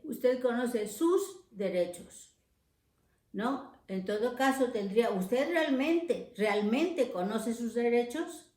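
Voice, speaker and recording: Very slow-speaking woman teacher, roomy sound. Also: fairly high pitch, darkish tone. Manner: slow and deliberate, searching for words with many fillers; addresses viewers as friends. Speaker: language teacher. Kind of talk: unscripted spoken lesson. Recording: roomy echo.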